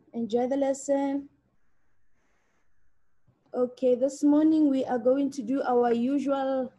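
Woman, children's maths teacher; high-pitched, very unhurried, clear instruction with encouragement for an online class. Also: warm tone. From South Africa. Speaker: grade one maths teacher. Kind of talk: live online children's lesson, leading counting aloud.

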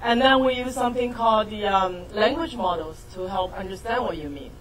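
A woman's voice: medium pitch, fairly quick, slight background noise, poor audio. Woman lecturing with many fillers. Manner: explanatory, frequent fillers and self-corrections. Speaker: professor giving a talk. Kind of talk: lecture on speech technology.

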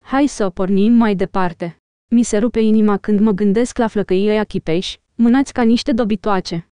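A woman voicing a light-footed, graceful male elf in an audiobook, speaking gently and earnestly. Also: mid-range voice, clear, resonant tone, no room sound, close to an everyday voice.

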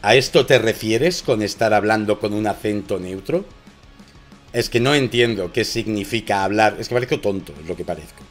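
A man's voice: on the low side, moderate pace, faint music behind. A man with a Spain Spanish accent, chatting casually on a live stream, rambling, joking and repeating himself.

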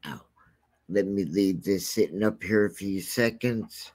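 A deep-voiced, scratchy-sounding man hosts a true crime channel, rambling casually with lots of filler words. He's in no hurry as he talks.

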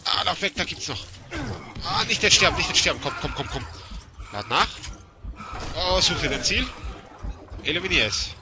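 A young man giving excited commentary while he plays a game, shouting and jumpy, swinging between panic and boasting. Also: a little high, moderate pace, pauses often, noisy background. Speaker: Let's Play gamer.

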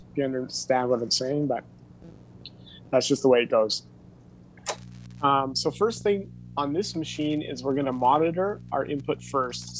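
This mid-range male voice comes through poor audio with a bit of hiss or hum. He's in his thirties, teaching an informal hands-on tutorial in an indoor home studio with tape gear, musing aloud casually as he shows each step.

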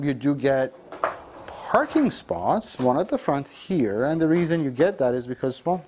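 This product demonstration features a man in his thirties pitching a vacuum cleaner's features with upbeat sales energy and occasional fillers, set indoors in a dark studio showroom. His voice is medium-pitched and a little mellow, with a little hiss or hum in the audio.

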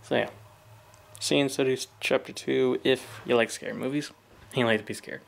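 A man's voice: mid-range voice, steady tone, moderate pace, creaky. A man talking in a casual vlog, rambling with many fillers and restarts, a bit out of breath. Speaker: vlogger. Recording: noisy background.

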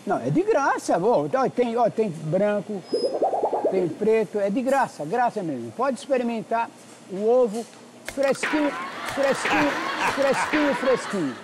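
A man's voice: high-pitched, sing-song, normal speed, heavy background noise. A man with a Brazilian accent pulling hidden-camera pranks in a supermarket, playful and teasing, yelping when people chase him. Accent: Brazilian Portuguese.

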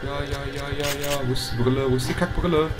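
A man doing let's play commentary on a horror game, excitable, often shouting, swearing and stammering when things get tense. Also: a little high, fast talker, loud music behind the voice.

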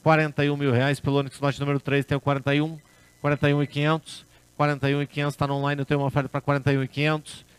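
A man's voice: fairly high pitch, monotone, rapid-fire, clean tone, no room sound. A man working as an auctioneer, calling bids at a car auction in a repetitive chant.

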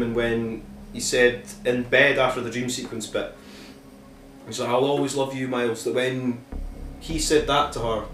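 Brief: male host, casual sweary film reviewer, echoey room, faint hiss. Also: mid-range voice. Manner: sweary, rambling, jokey. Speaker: podcast host reviewing films.

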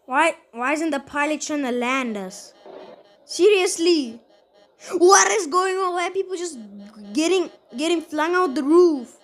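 A woman's voice: high-pitched, unhurried. A woman giving casual, rambling gameplay commentary, exasperated and talking straight to her viewers. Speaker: gaming channel host.

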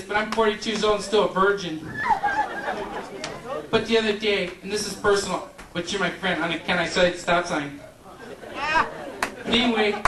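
A man in his thirties doing stand-up comedy, rambling through stories with a handheld mic on a club stage. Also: high voice. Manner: loose, rambling storytelling with stoner voices. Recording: far, roomy, noisy camcorder tape.

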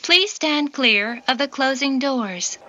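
A woman reading scripted station announcements in a formal, deliberate, clearly enunciated manner. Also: high-pitched, expressive, bright, forceful tone, no room sound, dull audio. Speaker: English-language train station announcer.

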